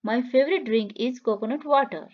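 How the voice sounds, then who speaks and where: A woman reading English practice questions and answers slowly for learners, saying each line twice in a clear, measured way. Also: on the high side, muffled recording. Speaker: English teacher. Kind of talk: slow repeated phrase reading for learners.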